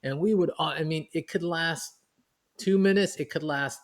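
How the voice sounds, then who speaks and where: A man in his forties from New York City co-hosting a podcast, chatty and animated as he talks. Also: a little high, normal speed. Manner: chatty, animated, laughing as he reminisces. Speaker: podcast co-host. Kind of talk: podcast conversation.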